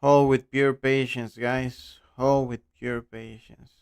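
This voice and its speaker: A man's voice: mid-range voice, flat delivery, takes it slowly, smooth. Costa Rican man hosting a trading stream. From Costa Rica. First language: Spanish. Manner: reads questions aloud, answers bluntly, trails off quietly at ends of phrases. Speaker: trading livestream host. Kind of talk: live stream chat, reading viewer questions.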